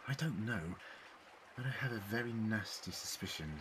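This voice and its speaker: A man's voice: lowish voice, normal speed, a bit bright, slight background noise, lightly acted, rough recording. A man acting an earnest, inquisitive and apologetic time traveller in a fan-made audio drama, with a wordy, theatrical delivery. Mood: pondering.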